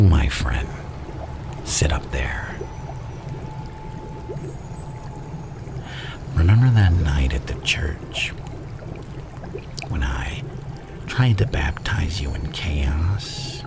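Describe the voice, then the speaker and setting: A man playing a theatrical, manipulative madman supervillain in an ASMR roleplay, speaking in a gravelly, breathy half-whisper and savouring each phrase. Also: rumbling low, exaggerated voice. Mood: seductive menace. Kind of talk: ASMR villain roleplay monologue.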